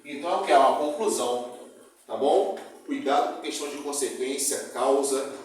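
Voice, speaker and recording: A man's voice: mid-range voice, normal speed. A man with a Brazilian Portuguese accent teaching a class, often checking in with his students and repeating examples. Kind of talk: classroom lecture. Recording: very echoey room, distant mic, faint noise.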